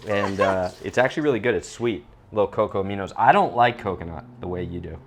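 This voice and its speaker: A man's voice: deep voice, quick pace, noisy background. A man hosting a casual cooking video at home, joking and teasing as he cooks. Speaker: chef and host. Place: home kitchen.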